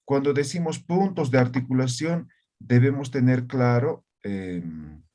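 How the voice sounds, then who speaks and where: A man gives an online language lesson at an unhurried, deliberate pace. He explains patiently, often pausing to check that his students follow. Now and then he sounds out short syllables to demonstrate pronunciation. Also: medium pitch, animated, mellow. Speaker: language teacher.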